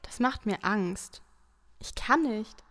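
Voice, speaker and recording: A woman's voice: mid-range voice, expressive, takes it slowly. A woman voicing the Little Prince, an earnest, curious boy, in a radio play. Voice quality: earnest, wondering. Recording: loud music underneath.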